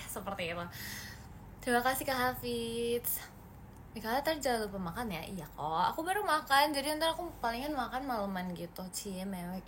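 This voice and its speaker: A woman's voice: fairly high pitch, fairly bright tone, a little hiss or hum. A seventeen-year-old girl from Indonesia hosting a casual livestream, chatting and thanking viewers one by one, slipping English phrases into her talk. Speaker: livestream host. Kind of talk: casual livestream chat reading comments.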